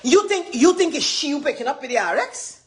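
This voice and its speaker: A woman's voice: high voice, very animated, fairly quick. A woman with a Guyanese accent gives an impassioned, rambling live address as a community advocate, repeating her points with emphasis.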